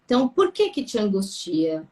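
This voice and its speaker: A woman's voice: medium pitch, sing-song, moderate pace, darkish tone. A woman, a therapist co-hosting a live Q&A, who talks things through with a string of probing, reflective questions. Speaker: therapist co-host. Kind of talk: live Q&A chat.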